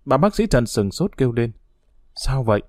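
A man narrating a novel in a steady storytelling reading. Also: medium pitch, a little fast, no echo, studio quality. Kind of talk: scripted audiobook narration.

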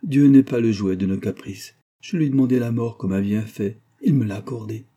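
A man's voice: lowish voice, normal speed, dark tone, breathy edge. A man reading aloud and voicing a feverish, despairing young woman who is dying, with a raised, pleading, tearful delivery. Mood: resigned.

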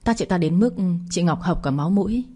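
A woman storyteller calmly narrating a bedtime audio story. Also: lowish voice, a little fast, breathy edge.

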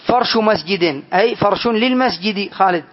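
A man teaching a grammar lesson to students, explaining slowly and deliberately and often putting questions to the class. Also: high-pitched, lo-fi sound.

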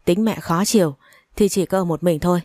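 A woman's voice: fairly low pitch, fairly quick, mellow, no room sound, clean studio sound, lightly acted. A woman voicing a young husband who scolds his mother in a raised, reproachful voice.

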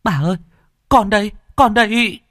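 A timid, frightened little child, as a man acts it out, pleads in a raised, childlike voice. The pitch sits well above a man's normal voice and rises and falls a lot. The sound is dry and close to the mic. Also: lively intonation, slow pace, no echo. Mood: relieved calling.

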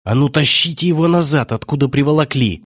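A man voicing a shrill, irritable old male trader in an audiobook, snapping and squealing at those around him. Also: animated, normal speed, no echo, clean studio sound, natural voice. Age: older. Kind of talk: audiobook character voice.

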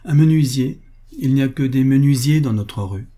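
A man reading as a hoarse, gruff workman. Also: mid-range voice, moderate pace, dark tone, pitched above the performer's own voice, natural voice. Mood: curt. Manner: curt, dismissive. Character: sturdy, gruff young male workman.

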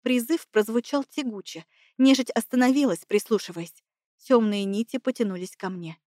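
A woman narrating a first-person fantasy audiobook in a steady, expressive reading. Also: on the high side, moderate pace, no room sound, clean studio sound.

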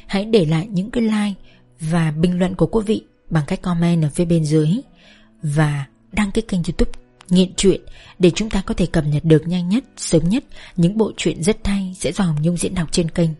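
Husky dark-voiced woman reading a novel. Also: on the low side, soft background music. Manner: soft, slow, tender storytelling. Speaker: audiobook reader. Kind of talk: scripted novel narration.

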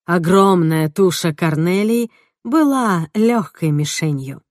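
A woman reads a mystery aloud in the first person, her voice sitting a little low. The sound is dry and close, and her telling is measured with a wry edge. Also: animated, a little mellow, no echo. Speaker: audiobook narrator. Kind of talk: first-person audiobook narration.

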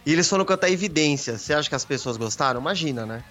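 A man's voice: on the high side, animated, racing, a bit bright, faint music behind. A man recounting an anecdote in a casual podcast chat, full of rhetorical questions.

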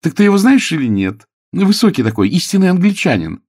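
A man reading an audiobook voices a kindly, chatty high-society lady in a high, fluttery, exclamatory voice. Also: big pitch swings, fairly quick, darkish tone, slightly rough, no echo, studio quality, full character voice. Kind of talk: audiobook character voice.

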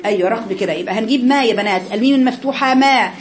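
A Quran recitation teacher with an Egyptian Arabic accent leads a tajweed class, coaching her students and demonstrating sounds over and over. Her fairly high voice races along amid crowd noise.

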